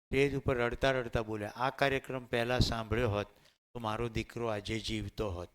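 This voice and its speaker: A man's voice: mid-range voice, level tone, a little fast, clear, resonant tone. A man with a Gujarati accent giving a motivational lecture to teachers. He asks the room questions and then answers them himself, and he mixes in Hindi and English terms. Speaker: teacher trainer.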